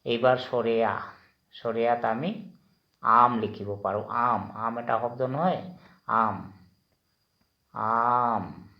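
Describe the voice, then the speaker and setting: A man teaching vowel sounds, saying each sound slowly and repeating it several times. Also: mid-range voice, fairly even intonation, reverberant, muffled recording. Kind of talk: slow language lesson.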